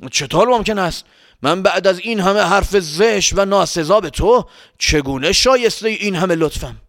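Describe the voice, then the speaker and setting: A bad-tempered, muddled grown man on a journey, put on by a male storyteller. The voice sits high and sounds bright and gravelly, swooping all over as he scolds and grumbles. It is recorded close and dry. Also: animated, no room sound. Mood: astonished. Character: hot-tempered, rude grown man traveler, muddled and boastful. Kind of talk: storybook character voice.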